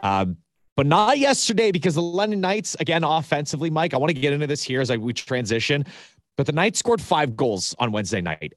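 A man's voice: medium pitch, dry recording, studio quality. A man co-hosting a hockey podcast, talking scoring stats with enthusiasm and a few stammered restarts. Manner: enthusiastic, stat-heavy, some stammering restarts. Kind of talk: casual sports chat.

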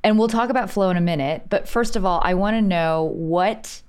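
A woman's voice: mid-range voice, darkish tone, clear, resonant tone. A woman hosting an interview podcast, bubbly and enthusiastic as she asks her guest questions. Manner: bubbly, enthusiastic, quick bursts. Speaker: podcast host. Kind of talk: conversational interview.

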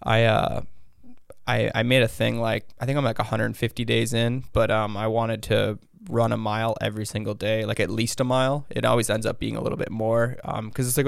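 An American man with a raspy vocal fry, chatting casually and ramblingly as a podcast guest. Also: fairly low pitch, no room sound, clean studio sound. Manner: rambling, hedging, self-interrupting. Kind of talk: casual interview chat.

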